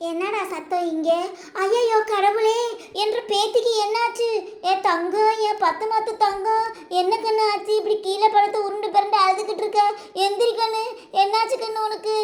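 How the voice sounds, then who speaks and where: A performer voicing a doting village grandmother in a doll show, calling out loudly and fretting over her granddaughter. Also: very high voice, steady tone, moderate pace, roomy sound. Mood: worried.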